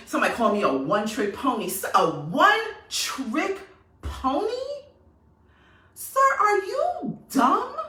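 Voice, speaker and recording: Speaking straight to her audience, a New York vlogger with a medium-pitched voice delivers an animated, sassy rant, repeating her points emphatically. The sound is reverberant, and she is far from the microphone.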